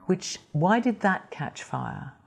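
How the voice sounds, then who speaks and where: A woman interviewing for broadcast, her voice very low yet lively as it moves up and down. She presses her guest with direct, probing questions. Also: slow pace, creaky, faint music behind.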